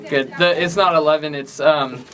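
A man's voice: fairly high pitch, steady tone, normal speed, sharp tone. A man directing auditions, reassuring and a little hesitant. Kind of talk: casual direction.

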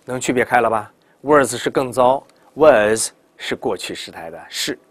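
Lively male pronunciation teacher. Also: mid-range voice, no room sound. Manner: animated, demonstrates words slowly and repeatedly, asks rhetorical questions. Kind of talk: classroom lecture.

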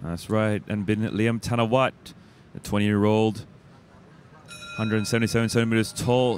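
A man's voice: a little high, slight background noise. A man giving live sports commentary as a fight commentator.

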